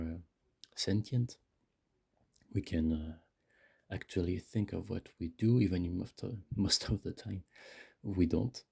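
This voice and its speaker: A man's voice: deep voice, gravelly, dark tone, breathy edge. A man speaking very close to the microphone in a casual, rambling monologue, hesitant and often searching for his words. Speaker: video creator. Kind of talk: casual rambling monologue, self-help musing. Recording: close-miked with mouth clicks.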